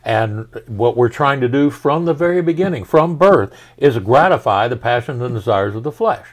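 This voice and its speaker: A man's voice: mid-range voice, expressive, normal speed. Folksy pastor man explaining with questions. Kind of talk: casual teaching conversation.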